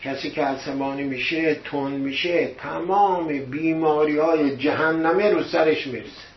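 A man's voice: on the high side, steady tone. A man preaching a sermon who keeps putting rhetorical questions to his listeners. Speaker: religious teacher. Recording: echoey, dull lo-fi room recording.

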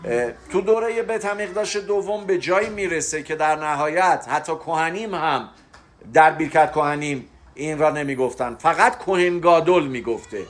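A man with a somewhat high voice leads a religious lesson. He explains things patiently and step by step, pausing to stress the key terms. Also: fairly bright tone. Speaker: religious teacher.

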